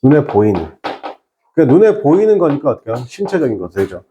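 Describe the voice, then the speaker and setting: A man's voice: medium pitch, sing-song, fast talker, mellow, a little hiss or hum. A man teaching an exam-prep English class, firing rhetorical questions and mixing in English terms. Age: 30s or older. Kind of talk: online lecture with an anecdote.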